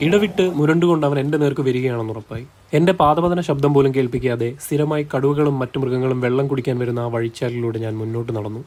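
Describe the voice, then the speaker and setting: Male narrator for a hunting tale; reads briskly and evenly, medium pitch. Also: darkish tone. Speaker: storyteller. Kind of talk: scripted narration of a hunting story.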